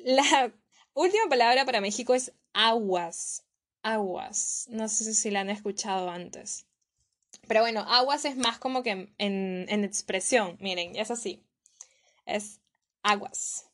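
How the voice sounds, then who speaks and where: A woman's voice: fairly high pitch, a bit bright. Playful Peruvian woman teaching slang. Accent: Peruvian Spanish. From Peru. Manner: playful, repeats each word slowly to teach it. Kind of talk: casual vlog lesson.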